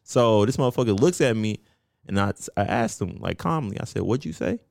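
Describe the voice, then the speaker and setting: A man with a fairly low voice co-hosts a casual podcast and tells animated stories full of profanity. His voice sits dry and close to the mic, with little room sound. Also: a little fast, vocal fry, no echo. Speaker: podcast co-host.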